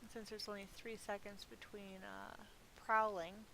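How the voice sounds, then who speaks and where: A middle-aged woman hosts a gaming video, rambling through casual commentary in a chatty, self-amused way as though thinking aloud. Her medium-pitched voice is bright and forceful yet level and unhurried. Background hiss is clearly audible.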